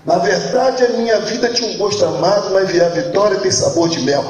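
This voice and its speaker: A man's voice: sits high, fairly quick, crowd noise. A man with a Brazilian accent, preaching a sermon as pastor and telling a joke with voices. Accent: Brazilian Portuguese. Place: church hall. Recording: very echoey church hall.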